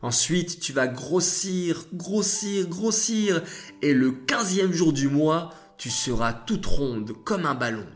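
A man voicing a kind, patient God who consoles the moon in a children's story, speaking low, slow and reassuring. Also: animated. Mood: explaining.

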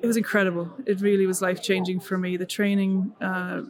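Her voice is medium in pitch and level in tone, moving a little fast. This middle-aged Irish woman, a missionary guest in a conversational interview, tells her story earnestly, peppered with fillers and frequent restarts.

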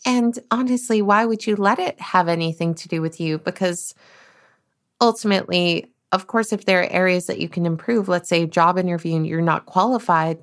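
A woman's voice: on the low side, normal speed. A woman hosting a solo self-help podcast, talking earnestly and casually, often repeating and restarting her words. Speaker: podcast host.

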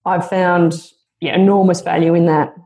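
A woman's voice: on the low side, level tone, moderate pace, mellow. A woman guest on a podcast interview, speaking in an earnest, motivational and reflective way.

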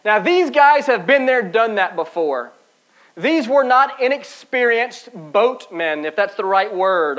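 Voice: sits high, a bit bright, low-quality recording. A pastor preaching a sermon in a casual, conversational way, with frequent restarts and asides and quoted doubts acted out.

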